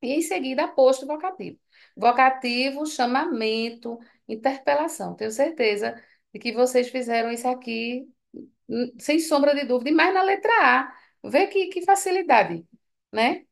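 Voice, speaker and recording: A woman's voice: high-pitched, expressive, normal speed, vocal fry. A tired woman teacher, correcting an exam question by question in a chatty way and checking with her students. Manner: chatty, asks students for confirmation. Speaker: Portuguese teacher.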